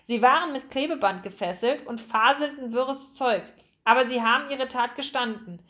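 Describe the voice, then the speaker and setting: A woman reads out a courteous, elegant older gentleman from a children's storybook. He speaks politely and earnestly, with a fairly light voice for a man. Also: sits high, moderate pace. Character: tall elegant older gentleman, genial businessman.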